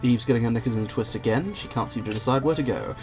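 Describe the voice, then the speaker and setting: A man's voice: mid-range voice, fast talker, a little mellow. A man hosting a let's play with casual, wry, rambling commentary addressed to the viewer. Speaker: gaming video host. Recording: game music behind the voice.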